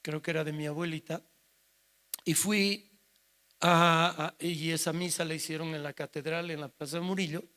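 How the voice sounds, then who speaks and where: A man's voice: a little high, fairly even intonation, normal speed, bright, forceful tone. A male pastor, telling a personal story in a sermon and acting out the dialogue. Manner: emotional personal storytelling, acts out quoted dialogue.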